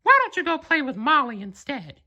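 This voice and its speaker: An eager little cartoon mouse speaks in a very high, squeaky falsetto. He is kindly and earnest, with a bright, lively swing to every line. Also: fairly quick, muffled recording, full character voice. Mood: apologetic. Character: Mickey Mouse, cheerful little male cartoon mouse.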